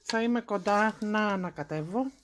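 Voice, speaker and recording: A woman with a Greek accent talks through a recipe in her home kitchen, calm and methodical. Her voice sits at a middle pitch. A faint hum of room noise runs under her words. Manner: calm step-by-step explaining. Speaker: cooking show host. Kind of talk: home cooking demonstration.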